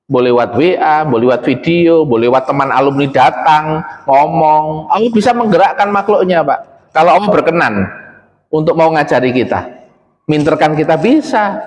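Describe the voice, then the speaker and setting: A man with an East Javanese accent gives a mosque sermon in a chatty way, often putting questions to the congregation. His voice sits fairly high for a man. The sound carries a long reverb from the mosque hall. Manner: conversational, addresses the congregation as "Pak", mixes in Javanese. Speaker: Islamic preacher.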